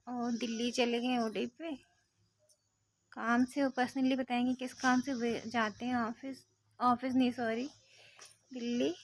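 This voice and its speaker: A woman talking casually in a home vlog, chatty and a little fretful. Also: high-pitched. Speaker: vlogger.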